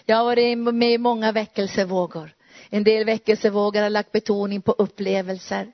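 A woman's voice: mid-range voice, no echo, lo-fi sound. A woman preacher and Bible teacher giving a fervent sermon, full of rhetorical questions and repetition.

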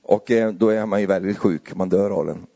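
A man preaching a sermon in a conversational way, often adding tag questions and getting louder and higher as he builds. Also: fairly even intonation, creaky, highs cut off.

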